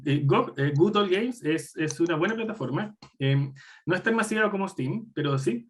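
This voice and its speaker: A man, speaking as a guest lecturer who answers audience questions bluntly, with wry asides and many fillers. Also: on the high side. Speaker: guest lecturer on game development. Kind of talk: live online talk answering audience questions.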